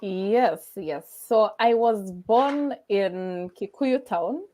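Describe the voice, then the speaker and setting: A woman's voice: medium pitch, very slow, mellow, low-quality recording. A young Kenyan woman with a Kenyan accent, chatting as a guest on a video call, laughing often and slipping into Swahili. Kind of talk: casual interview chat.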